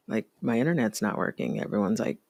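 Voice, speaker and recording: A man's voice: fairly low pitch, no echo, studio quality. A man chatting as co-host on a podcast, heard over a glitchy video call and flustered by his connection trouble. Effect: joining over a glitchy video call. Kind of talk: casual chat.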